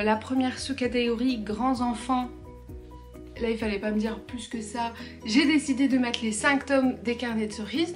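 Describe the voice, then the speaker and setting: A young woman with a slightly high voice talks casually to her camera about books. She is chatty and full of fillers and restarts. Soft music plays faintly behind her. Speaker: book vlogger. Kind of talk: casual book chat to camera.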